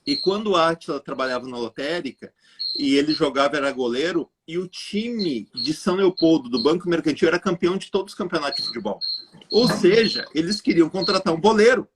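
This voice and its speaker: A man, a guest telling an animated story straight to the viewers of a live chat. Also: a little high, brisk, noisy background. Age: 40s. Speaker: guest entrepreneur.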